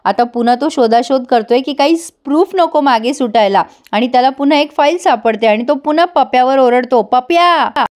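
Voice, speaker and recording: A woman's voice: high voice, fairly quick, hardly any pauses, darkish tone. A woman retelling a serial episode in a chatty, casual way, talking straight to viewers. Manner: chatty, addresses viewers directly. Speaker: serial recap narrator. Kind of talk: casual storytelling recap.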